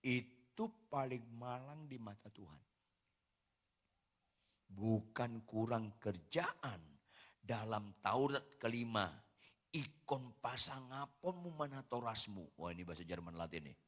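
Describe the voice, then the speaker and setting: A man's voice: mid-range voice, slightly rough. Impassioned preacher man. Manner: swings from hushed asides to shouted emphasis. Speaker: pastor. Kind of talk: sermon.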